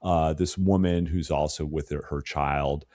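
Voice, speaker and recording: A man's voice: a bass voice, steady tone, unhurried, a little mellow, dry recording, studio quality. A man co-hosting a podcast, talking through a movie in a loose, profane way with lots of "you know" fillers. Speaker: podcast co-host. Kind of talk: casual film discussion.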